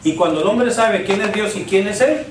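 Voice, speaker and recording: A male pastor with a high voice preaches a sermon in a church sanctuary at a moderate pace, repeating rhetorical questions and drawing call-and-response from the congregation. The recording is echoey and distant, with background noise.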